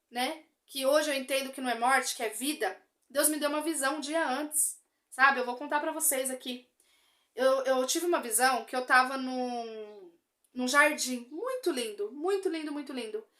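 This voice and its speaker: A woman's voice: sits high, fairly bright tone. A Brazilian Portuguese woman giving an earnest religious testimony, speaking straight to her listeners and repeating phrases for emphasis.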